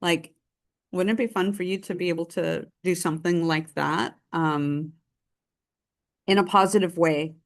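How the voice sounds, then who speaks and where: A woman's voice: lowish voice, fairly even intonation, measured pace, creaky. A woman running a real estate training session on a call, chatty and encouraging, full of "like" and "um". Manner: chatty, filler-heavy, encouraging. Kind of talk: live group training session. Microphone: online call.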